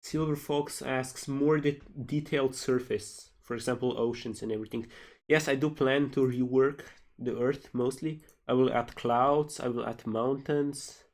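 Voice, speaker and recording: A man's voice: medium pitch, fairly even intonation, unhurried, a little mellow. Male game developer, casual livestream Q&A delivery, reading questions and replying. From Slovenia.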